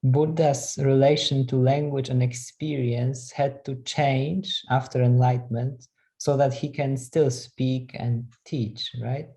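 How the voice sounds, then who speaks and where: Slow, mellow, tentative student. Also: medium pitch, fairly even intonation. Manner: tentative, halting questions. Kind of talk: asking a question in an online class.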